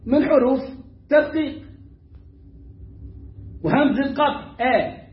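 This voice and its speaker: A man with an Egyptian accent teaching Quran recitation, repeating words slowly to show how they are pronounced. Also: extremely high pitch, roomy sound, highs cut off. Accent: Egyptian Arabic. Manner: demonstrates pronunciation by repeating words slowly, animated and emphatic. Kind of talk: Egyptian colloquial tajweed lesson.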